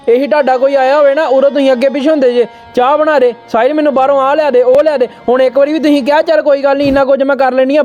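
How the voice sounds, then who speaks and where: A man's voice: extremely high pitch, darkish tone. A man playing a defiant grown son in a family skit, scolding and talking back. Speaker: son Sahil. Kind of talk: amateur family skit acting.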